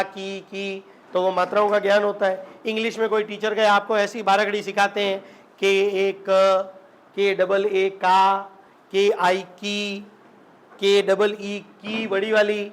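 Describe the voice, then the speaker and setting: A man's voice: high voice, fairly bright tone. A man teaching a classroom lesson on English spelling, asking the students questions and repeating them. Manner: slips into local Rajasthani dialect.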